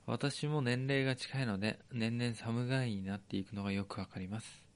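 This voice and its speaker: A man co-hosting a podcast in a Tochigi accent, with a voice of ordinary middle pitch. He reads listener letters in a polite, even way, then slips into loose, joking chatter. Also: a little fast, smooth. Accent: Tochigi dialect. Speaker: podcast co-host. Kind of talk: reading listener mail, casual banter.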